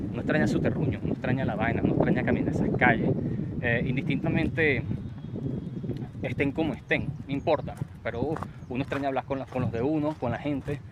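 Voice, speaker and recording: A man with a Venezuelan llanero accent, vlogging as he walks outdoors and talks to viewers through his phone mic, rambling with restarts, sweating in the heat. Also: mid-range voice. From Portuguesa state, Venezuela. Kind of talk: walking vlog, casual chat. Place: outdoors on overgrown urban lots and streets. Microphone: phone mic, handheld. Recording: noisy outdoor phone recording.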